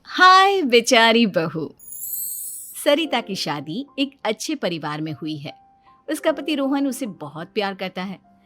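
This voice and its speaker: A woman narrating a cartoon story in scripted storybook style, soft and gently expressive. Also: mid-range voice, normal speed, soft background music.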